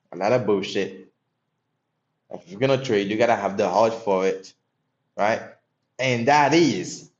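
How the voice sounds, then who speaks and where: A young Haitian man streams his day trading live, commenting casually on his trades and talking to chat with loose profanity. His voice is fairly low in pitch, and the audio is dull.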